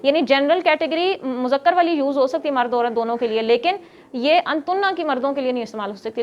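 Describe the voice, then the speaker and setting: A woman's voice: high-pitched, highs cut off. A woman teaching a grammar class who explains step by step, quizzes her students and scolds them when they get noisy.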